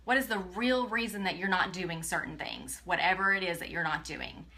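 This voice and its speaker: A woman's voice: on the low side, moderate pace, bright, forceful tone, a little hiss or hum. A woman from Texas, talking earnestly to her viewers in a live video, emotional and often close to tears. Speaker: direct sales presenter. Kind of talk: tearful motivational live video.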